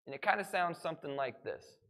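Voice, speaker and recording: A man's voice: on the high side, animated, fairly quick, creaky, fairly bright tone. A man giving a playful live educational talk as a falconer, quizzing a family audience with questions in an indoor library room.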